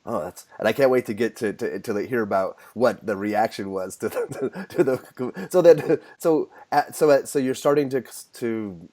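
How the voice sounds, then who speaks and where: A man's voice: medium pitch, moderate pace, hardly any pauses, dark tone. A man hosting a casual interview, asking friendly questions with frequent restarts. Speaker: podcast host.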